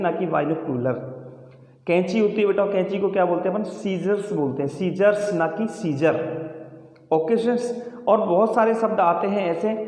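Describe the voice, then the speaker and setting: Teacher, high voice, echoey room. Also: male voice, a little mellow. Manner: calls students "beta", asks and repeats answers. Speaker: English teacher. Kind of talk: classroom lesson. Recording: echoey room with long reverb.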